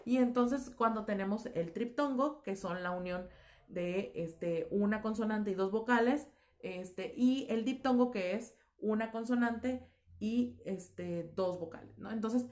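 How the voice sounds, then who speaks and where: A woman's voice: medium pitch, unhurried, a little mellow. A woman teaching a recorded lesson, explaining patiently with fillers and self-corrections. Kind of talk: recorded class lecture.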